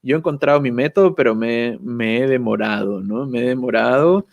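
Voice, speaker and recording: His mid-range voice is brisk, creaky and a little mellow. As a guest YouTuber chatting casually on a video call, he sounds thoughtful and self-deprecating and often ends his phrases with a questioning "right?".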